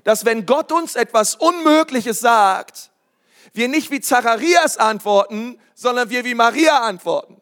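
High-voiced lively preacher man. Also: unhurried. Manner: lively, joking, calls for congregation responses. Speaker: pastor. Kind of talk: sermon.

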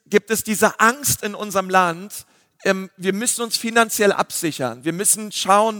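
A man, a pastor giving a lively sermon full of fillers. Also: high voice, dry recording, clean studio sound, long reverb tail. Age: 30s. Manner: lively preaching with filler words.

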